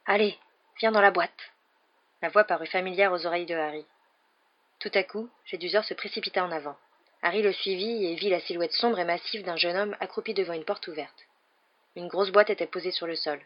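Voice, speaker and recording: A woman reading a chapter of a novel aloud in a steady, even storytelling voice. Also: lowish voice, fairly quick, highs cut off. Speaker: audiobook reader.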